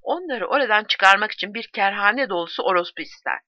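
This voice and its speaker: A woman narrates a war story in a grave, measured voice with a mid pitch. The recording is dry with no room sound, and its tone is a little muffled. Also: expressive, no room sound. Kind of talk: audiobook narration. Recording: dry dull audiobook recording.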